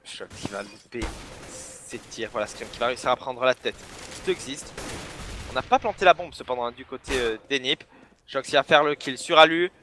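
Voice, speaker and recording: A man from the south of France, casting an esports match solo and bursting into shouts on big plays. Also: mid-range voice, expressive, moderate pace, slight background noise. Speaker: esports caster. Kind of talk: solo play-by-play commentary.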